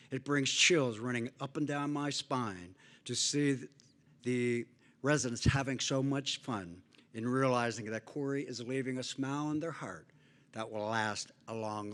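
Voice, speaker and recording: An older man giving a hall of fame acceptance speech, earnest and emphatic, with some halting restarts. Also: mid-range voice, fairly bright tone.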